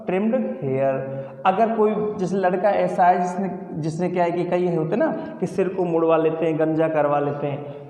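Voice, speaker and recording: A man's voice: sits high, mellow. A man teaching an English lesson, calling students "beta" and repeating the answers to his own questions. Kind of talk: classroom lesson. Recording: echoey room with long reverb.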